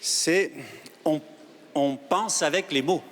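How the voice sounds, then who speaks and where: A man argues earnestly as a guest in a studio debate. He hesitates with fillers as he thinks aloud. His fairly high voice carries a long studio reverb. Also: slow, slight background noise. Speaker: guest panelist.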